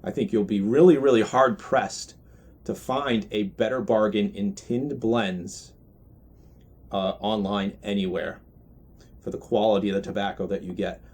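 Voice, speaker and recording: A man giving a casual, unscripted review in a measured, deliberate way, often pausing mid-phrase. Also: lowish voice, fairly even intonation, a little mellow. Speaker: pipe tobacco reviewer.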